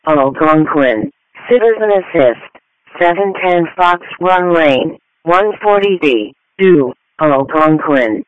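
A man reading out emergency dispatch calls in a slow, clipped, flat-cadence readout, heard over a police-style dispatch radio. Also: a little high. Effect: dispatch radio over a scanner. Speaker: automated fire dispatch announcer. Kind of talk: repeated tone-out call readout. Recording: tinny, dry radio scanner audio.

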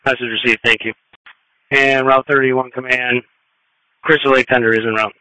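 Man, radio dispatcher, flat delivery, bright forceful tone, businesslike, dry audio. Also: medium pitch, normal speed, smooth, no echo, poor audio. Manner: clipped, businesslike. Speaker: emergency dispatcher. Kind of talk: procedural fire and ambulance radio dispatch.

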